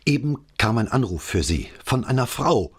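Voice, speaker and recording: A man's voice: medium pitch, sing-song, normal speed, breathy edge, pitched above the performer's own voice. A man voicing a flustered, out-of-breath police sergeant who stammers out an urgent report. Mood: breathless.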